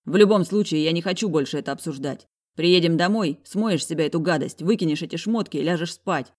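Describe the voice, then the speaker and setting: A woman voicing an angry, possessive young man who speaks slowly through gritted teeth. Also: fairly low pitch, a little mellow, natural voice. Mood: stern. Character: stern possessive young man, barely holding anger.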